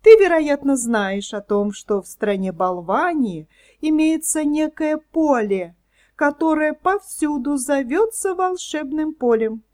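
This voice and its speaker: A woman voicing a sly, scheming fox swindler in a storybook reading, talking smoothly and persuasively. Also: sits high, expressive, slow pace, dark tone. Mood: coaxing.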